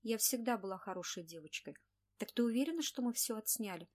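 A woman voicing a sick, worn-out young actress who speaks slowly, in an audiobook reading. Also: fairly high pitch, animated, darkish tone. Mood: weary. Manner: slow, tired, drawn out.

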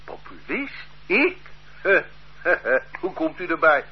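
Here the suspect is voiced by a man with a fairly high, breathy-edged voice who draws out his words in a heavily acted performance. The character is an easygoing older street loiterer, lively, chatty and homely, protesting accusations that bewilder him. It's a dull lo-fi radio play recording with faint hiss.

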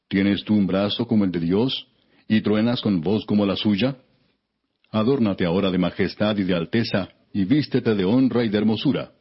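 A man giving a solemn scripted biblical narration in a husky voice, measured and declamatory. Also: on the low side. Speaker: narrator of an audio Bible. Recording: dull, lo-fi audio.

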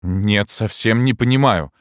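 A man's voice: on the low side, unhurried, no room sound, clean studio sound, voice pushed up, natural voice. Give me a man playing a fretful, wordy young poet, voice lifted and pleading. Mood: worried. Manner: pleading, nervous protests. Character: anxious talkative male poet, young.

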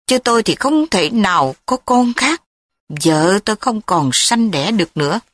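Woman reading sly old guy in an audio story, calm cold voice, dry. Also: medium pitch, unhurried, dry recording. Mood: pleading. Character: older man, scheming and threatening.

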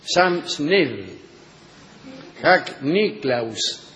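A man's voice: on the high side, big pitch swings, very slow, a bit bright. An Argentine man hosting radio comedy with improvised, mock-authoritative dialogue. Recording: dull, echoey hall sound, faint noise.

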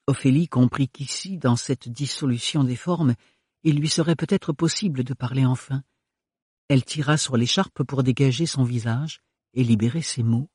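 A man reads a novel aloud as an audiobook, measured and steady in his delivery. His voice is husky and sits at a middle pitch, and the close recording is dry with no room sound. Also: no room sound. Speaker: audiobook narrator. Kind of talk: audiobook narration.

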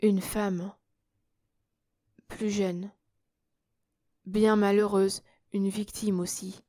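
A woman voicing a hypnotized prince who gives slow, halting answers in a trance in an audiobook. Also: mid-range voice, level tone, dark tone. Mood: entranced. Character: hypnotized prince, grown man, dazed and obedient.

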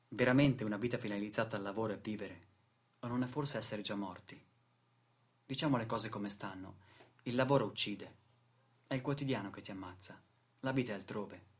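Over background music, a male stage actor and narrator declaims a scripted radio theatre monologue in a solemn, rhetorical style. His voice is mid-range with a breathy edge.

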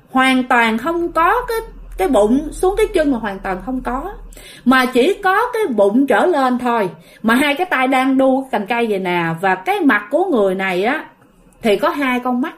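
A woman telling a ghost story in a chatty way, talking straight to her listeners. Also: high voice. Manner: chatty, addresses listeners directly.

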